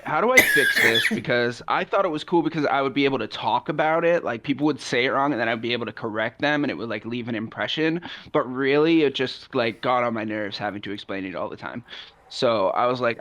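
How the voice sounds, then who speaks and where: A young man co-hosting a podcast, telling stories in an animated, casual way. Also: mid-range voice, a little fast. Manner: animated storyteller. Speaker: podcast co-host.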